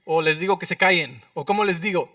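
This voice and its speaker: Male pastor preaching, high bright voice, acts out the dialogue, keeps asking the crowd questions, dry sound a bit off mic. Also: fairly quick, no echo, distant mic. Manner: animated preaching, acting out prayers and dialogue with sudden loud outbursts; asks the congregation for agreement with frequent rhetorical questions. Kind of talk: sermon. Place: church.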